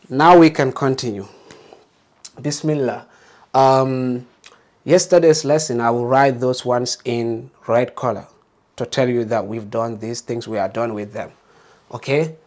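A man's voice: mid-range voice, normal speed, a little mellow. A man teaching a beginner alphabet lesson, patiently modeling letter sounds and encouraging learners to repeat.

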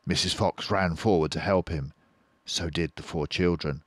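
An older man reading a children's book aloud slowly and expressively, close to the mic in a quiet room. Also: low voice, dry recording. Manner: slow, expressive, doing all the voices. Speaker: storyteller.

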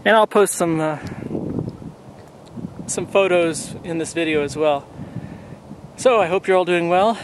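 A man in his forties vlogging outdoors on a desert mountain, talking in a relaxed, rambling way with many ums, to a camera held at arm's length. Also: high-pitched, measured pace, long pauses, noisy background. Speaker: hiking vlogger. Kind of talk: casual outdoor vlog.

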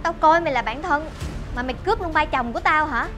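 Actress as wronged young woman, high and accusing, over music bed. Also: fast, lightly acted. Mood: indignant. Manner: accusing, indignant. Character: betrayed young woman scolding a disloyal friend. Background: background music.

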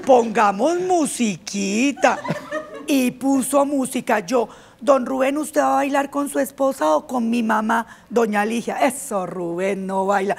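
A woman's voice: fairly high pitch, measured pace, gravelly. A woman acting out an outspoken little girl in a comic stage monologue, switching among the voices of her family. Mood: cheeky. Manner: blurts embarrassing remarks, switches between family voices. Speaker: stage actress.

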